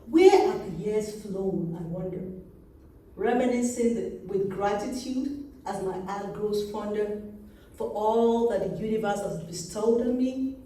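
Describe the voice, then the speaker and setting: A woman in her forties with a Yoruba accent, a native Yoruba speaker, reading her poems in a slow, measured way. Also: medium pitch, warm tone. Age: 40s. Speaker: poet. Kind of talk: poetry reading. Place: reading event hall. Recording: very echoey room, mic far off.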